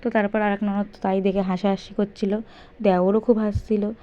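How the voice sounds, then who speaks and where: Mellow-voiced woman chatting to viewers. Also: medium pitch, flat delivery, a little fast. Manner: chatty, repeatedly addressing viewers directly. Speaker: vlogger. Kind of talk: casual vlog narration. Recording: dull lo-fi sound.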